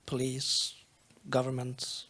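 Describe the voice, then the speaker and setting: Slow, flat-toned man on a panel. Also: mid-range voice, slight background noise. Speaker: panelist asking questions.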